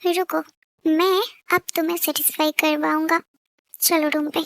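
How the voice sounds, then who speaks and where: Brief: woman voicing a possessive young husband, very high, dry close audio, harsh then pleading. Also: little pitch movement, measured pace, fairly bright tone, no echo. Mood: angry. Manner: harsh, scolding, then begging. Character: jealous hot-tempered young husband. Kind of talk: fan-fiction audio story.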